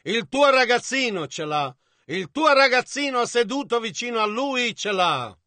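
A man reading an Italian voice-over of a sermon in a measured, even way on a close mic. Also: extremely high pitch, no echo. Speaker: interpreter voice-over.

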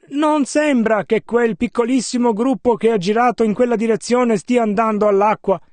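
A man renders a preacher's sermon line by line in a steady, measured voice. His pitch is very high. The sound is dry and close, with no room around it. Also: dry recording. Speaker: interpreter. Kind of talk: sermon interpretation.

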